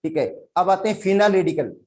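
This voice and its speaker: A man's voice: high-pitched, expressive, fairly quick, a little mellow. A man from Pakistan with a Sindhi accent, teaching chemistry in a classroom lecture and explaining step by step while calling his students "beta".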